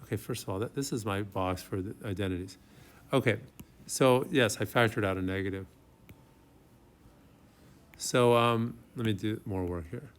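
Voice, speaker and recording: A man's voice: lowish voice, moderate pace, pauses often. A man teaching a math class as a professor, thinking aloud as he writes and checking in with his students in an informal way. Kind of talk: classroom lecture, working through problems aloud.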